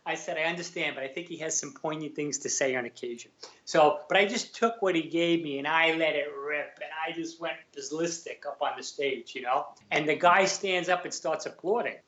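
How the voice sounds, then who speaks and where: Man, middle age, Brooklyn accent, colloquial storyteller, slightly raised pitch, roomy recording. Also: brisk. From Brooklyn, New York. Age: middle-aged. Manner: colloquial, animated retelling with quoted dialogue. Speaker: podcast guest, actor and former police officer. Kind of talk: casual anecdotal storytelling. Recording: roomy, slightly dull remote audio.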